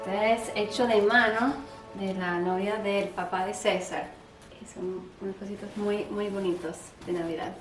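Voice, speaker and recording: A woman's voice: mid-range voice, normal speed. Lady chatting, mixes in words, sounds far off in a roomy space w music. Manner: lively, mixes English words into Spanish. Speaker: vlogger. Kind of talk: casual chat.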